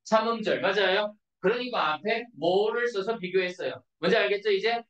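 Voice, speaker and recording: A woman teaches grammar to a room of students, peppering every point with quick questions to check they follow. Her voice sits at an ordinary pitch. It reaches the mic from a distance, with the hollow echo of a bare classroom around it. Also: muffled recording. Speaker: English teacher. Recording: echoey classroom from far off.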